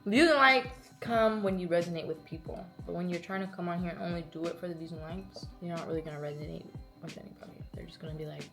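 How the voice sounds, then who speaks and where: A woman in her early twenties answering questions as a content creator in a casual, animated, slangy and playful way. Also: fairly low pitch, fast, over music. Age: early 20s. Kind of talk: casual chatty Q&A.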